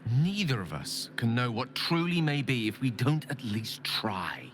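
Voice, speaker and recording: Over background music, a man acts out a video game companion: an ambitious, eloquent, embittered wizard pleading his case earnestly and persuasively in a formal, theatrical manner. The voice is medium-pitched and a little slow, with big pitch swings and a fairly bright tone. There's a little hiss or hum in the recording.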